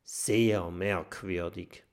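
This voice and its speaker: A man voicing a clever, cautious young girl who talks in a hushed, knowing way, in a storybook reading. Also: deep voice, steady tone, extremely slow, pitched below the performer's own voice. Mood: explaining.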